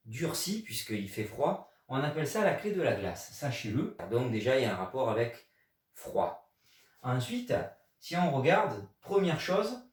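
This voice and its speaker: This Chinese teacher, a man from France, speaks in a medium-pitched, slightly mellow voice during a video language lesson. He patiently explains and stresses key words, his voice distant from the mic in an echoey room.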